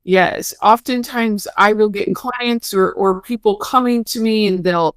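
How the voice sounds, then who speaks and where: A woman's voice: medium pitch, unhurried, clear, resonant tone, no echo, studio quality. A woman hosting an interview, asking follow-up questions and responding in an engaged, affirming way. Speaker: podcast host. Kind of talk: conversational interview.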